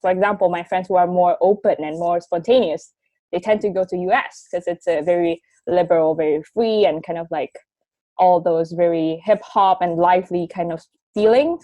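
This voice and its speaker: Born in Taiwan and brought up in Indonesia, the 21-year-old interview guest, a marketing graduate, shares her story in a talkative way and often falls back on filler words. Her lowish voice has a dark tone and moderate pace, and the audio is dull with no room sound.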